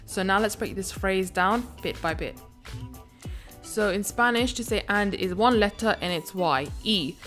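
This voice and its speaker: A woman's voice: mid-range voice, fairly bright tone. A woman teaching a language video lesson. She explains phrases methodically and breaks them down step by step.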